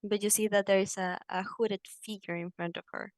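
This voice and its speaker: A woman's voice: medium pitch, steady tone, moderate pace, no echo. A woman narrating a tabletop game as game master, speaking hesitantly with frequent restarts.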